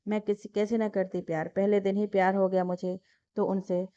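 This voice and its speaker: Lady reading as a tearful lovesick young woman, flat mellow voice, dull dry sound. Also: mid-range voice, normal speed, lightly acted. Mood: longing. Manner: soft, tearful pleading.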